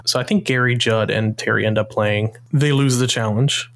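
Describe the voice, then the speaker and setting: A man casually recapping a game on a podcast, chatty and quick to quote what the players said. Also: fairly low pitch, steady tone, a bit bright. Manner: chatty, retells events with quoted lines and swearing.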